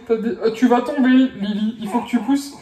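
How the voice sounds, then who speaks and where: A young mother in a casual home vlog, talking softly and cooingly to her baby between chatty updates. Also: on the high side. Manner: soft cooing baby talk.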